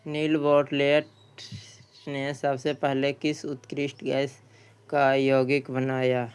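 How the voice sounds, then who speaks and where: A man teaches an exam practice lesson, reading out questions and answers and often repeating a question before he answers it. His mid-range voice is smooth, slow and monotone.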